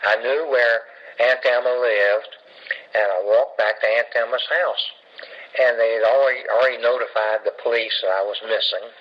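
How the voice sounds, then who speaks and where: An older man with a Southern US accent from Jacksonville, Florida, telling rambling, halting family stories in a casual chat. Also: mid-range voice, steady tone. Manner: rambling, halting storytelling with restarts. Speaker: family storyteller. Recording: dull lo-fi home recording.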